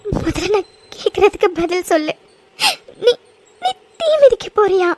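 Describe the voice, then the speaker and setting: A woman's voice: very high voice, big pitch swings, unhurried, a little mellow, full character voice. Woman voicing a tearful, pleading young woman. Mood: tearful, desperate. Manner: sobbing, stammering pleas. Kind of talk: cartoon voice acting.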